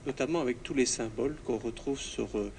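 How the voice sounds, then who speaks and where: A man, a parish priest, answering interview questions earnestly and haltingly inside an echoing church. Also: mid-range voice, darkish tone, slight background noise. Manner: halting, searching for words, earnest. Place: inside a church under renovation.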